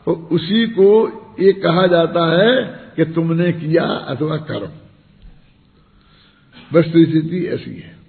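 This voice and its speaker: Brief: raised-pitch male religious teacher, chatty discourse full of rhetorical questions, phone-thin sound. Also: takes it slowly, vocal fry. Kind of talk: spiritual discourse. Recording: tinny, echoey hall recording.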